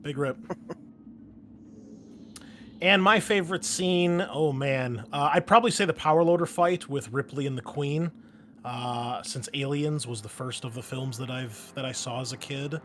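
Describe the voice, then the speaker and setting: A man with a medium-pitched, slightly bright voice speaks at an unhurried pace. He's the game master and host, chatting casually and enthusiastically with plenty of slang as he recaps the game at the table. Background noise is noticeable in the recording.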